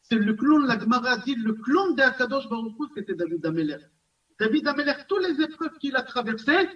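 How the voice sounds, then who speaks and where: A rabbi with a high voice leads an animated, repetitive Torah class in a community center room, putting questions to those listening. The microphone is distant, and the recording comes across as dull and lo-fi.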